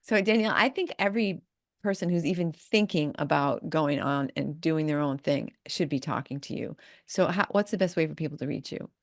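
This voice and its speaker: A woman hosts a podcast in a chatty, rambling way, often restarting her sentences. Her voice is on the lower side with a gravelly fry, and the sound is dry and close. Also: brisk, dry recording. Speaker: podcast host. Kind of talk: casual interview chat.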